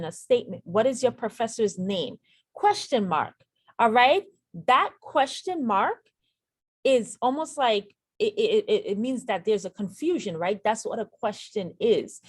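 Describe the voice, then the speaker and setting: A woman's voice: on the high side, no echo. Emphatic woman teaching exam strategy. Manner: emphatic, repeats key points; addresses viewers directly. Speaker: nursing exam instructor. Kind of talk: screen-share lesson.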